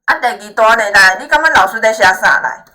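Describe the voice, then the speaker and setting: A woman's voice: on the high side, expressive, fairly quick, sharp tone. A woman with a Taiwanese Hokkien accent teaching informally, reassuring and often tagging her points with little questions to check agreement. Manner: encouraging, reassuring. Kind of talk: informal lesson, explaining to a student.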